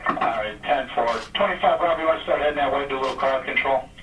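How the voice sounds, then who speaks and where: A man's voice: medium pitch, quick pace, a little hiss or hum. A man working as a police dispatcher, heard over a police radio transmission, answering units in clipped, terse radio codes. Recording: muffled, distant, echoey radio audio.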